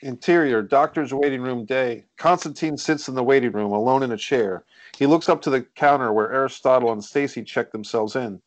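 A man at medium pitch reads out a screenplay's stage directions a little fast while hosting a script read. He's on a group video call indoors, and there's no room sound.

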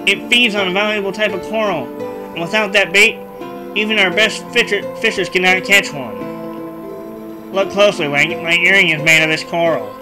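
A man's voice: high-pitched, moderate pace, over music, close to an everyday voice, rough recording. A man putting on a nerdy young fish-folk prince. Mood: earnest. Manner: nerdy kid voice. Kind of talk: reading game dialogue aloud.

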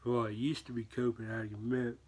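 A man's voice: mid-range voice, flat delivery, brisk, a little mellow. A man in a casual, laid-back product review chat, talking with dip in his lip.

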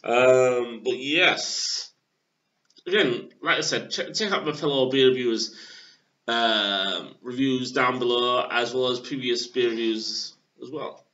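Slow, halting man reviewing beer on webcam. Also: mid-range voice. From England. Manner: halting, filler-heavy, relaxed. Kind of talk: casual beer review vlog. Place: small room at home. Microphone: webcam at desk. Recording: dull lo-fi webcam audio.

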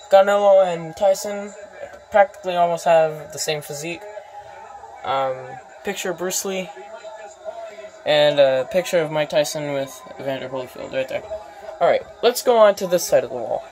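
Filmed on a handheld phone in a room covered in posters, a vlogger gives a relaxed home tour, rattling off items between frequent ums and uhs. The voice sits at medium pitch with a darkish tone, and the recording quality is low.

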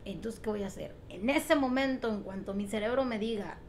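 A woman's voice: on the high side, a little fast, a little hiss or hum. A woman gives an emphatic motivational talk to camera, repeating phrases and asking rhetorical questions. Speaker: motivational vlogger.

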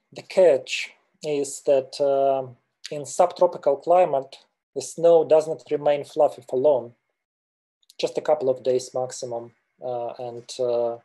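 Hesitant and full of filler pauses, this middle-aged guide from Russia presents mountain slides in a webinar. His mid-range voice sounds mellow, captured by a video call webcam.

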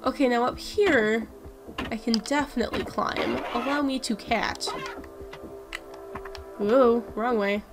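A woman's voice: on the high side, slow, long pauses, music in the background. Chatty woman narrating her gameplay. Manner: chatty, amused, musing aloud. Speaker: let's-play host. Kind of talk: casual gaming commentary.

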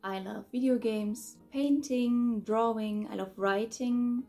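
A woman's voice: fairly high pitch, takes it slowly, warm tone, faint music behind. A woman in her mid-twenties, raised in Germany, chatting upbeat in a casual Q&A vlog from her bedroom. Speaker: YouTuber answering fan questions. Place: bedroom, indoors.

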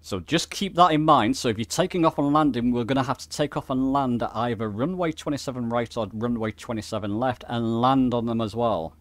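Hosting an informal flight sim screen-share lesson, a man thinks aloud and fixes his own mistakes as he talks. He speaks briskly at a medium pitch with hardly any pauses, and the recording is dry.

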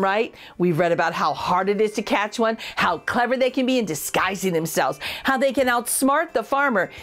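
A middle-aged woman who hosts a channel reads a children's picture book aloud in an exaggerated, sing-song storytelling voice that sits high.

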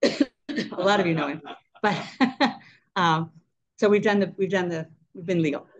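With a handheld mic in hand, a woman in her sixties runs a club meeting in an indoor room as president, casual and chatty with laughs along the way. Her lowish voice is animated yet unhurried. A webcam some distance off also records her.

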